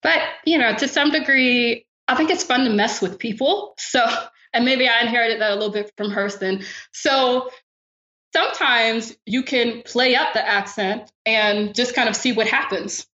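A woman philosopher from the American South, answering interview questions in a relaxed, thoughtful way. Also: a little high, normal speed. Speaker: philosopher guest. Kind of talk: podcast interview. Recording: roomy, dull lo-fi sound.

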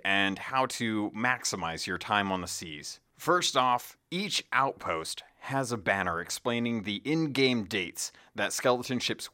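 A man's voice: fairly low pitch, bright, forceful tone. A man hosting a podcast, reading scripted gaming news in an announcer-like way. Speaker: podcast host.

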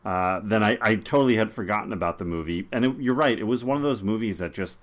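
A man's voice: fairly low pitch, quick pace. A man in his forties hosting a casual film podcast, rambling and laughing often. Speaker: podcast host.

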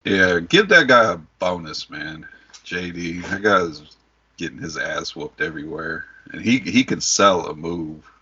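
A man's voice: deep voice, expressive, unhurried, bright, forceful tone, slightly rough. A middle-aged man hosting a podcast, chatting casually about sports. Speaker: podcast host. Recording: dull lo-fi audio.

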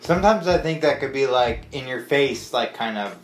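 A man's voice: medium pitch, expressive, moderate pace, faint music behind. Easygoing man, echoey room. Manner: easygoing, hesitant, hedging with "you know". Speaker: podcast guest. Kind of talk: casual interview chat.

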